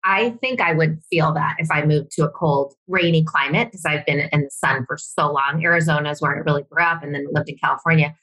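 A woman co-hosts a casual health podcast, chatty and engaged with her guest. Her voice is low for a woman yet bright and forceful in tone. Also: rough recording. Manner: chatty, quick to laugh along. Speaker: podcast co-host.

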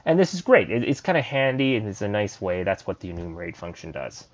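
A programming tutor with a lowish voice talks fast as he thinks aloud through code in a relaxed tutorial. The recording sounds dull and lo-fi with no echo, and keyboard typing can be heard behind him.

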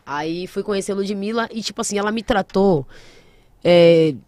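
A young woman singer telling a story in an interview, animated and emotional, full of casual slang. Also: medium pitch, normal speed, no echo. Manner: animated, emotional, uses slang like mano and velho.

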